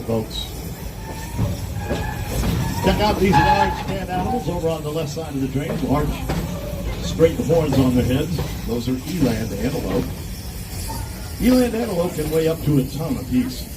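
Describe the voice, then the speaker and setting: A man giving a folksy theme park ride spiel as a train tour guide, narrating the sights to riders, heard from a distance over loud vehicle noise. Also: fairly high pitch. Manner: folksy, addresses riders as folks, repeats safety reminders. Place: outdoors on a moving open tour train.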